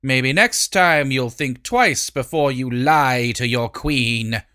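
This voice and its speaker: A man voicing a haughty, menacing evil queen with a sharp, commanding manner in a storybook reading. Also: medium pitch, slow pace, smooth.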